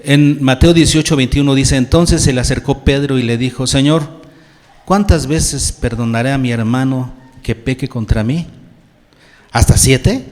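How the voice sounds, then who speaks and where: A man's voice: mid-range voice, darkish tone, big-room sound. A male pastor preaching a sermon, putting questions to his congregation and answering them himself. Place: church.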